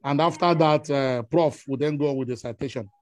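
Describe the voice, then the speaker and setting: A Nigerian man with an Igbo accent hosts an online meeting, giving courteous, halting welcomes. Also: mid-range voice, no echo, soft background music. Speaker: host of an online alumni meeting. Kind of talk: informal formal welcome speech. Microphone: online video call.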